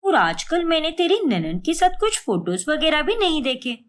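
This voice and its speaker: A meddling older sister in an animated family tale speaks in a chatty, pushy way, voiced by a woman. Her voice is fairly high with a lively, animated lilt. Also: moderate pace.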